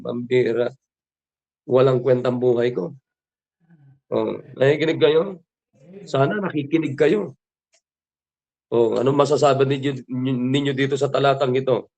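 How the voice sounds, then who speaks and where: A Filipino pastor delivering a morning devotion, a man whose voice sits a little high and carries a gravelly edge. He presses his flock with repeated questions and drops into English to quote scripture. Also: darkish tone. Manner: preaching with rhetorical questions, switching into English for scripture.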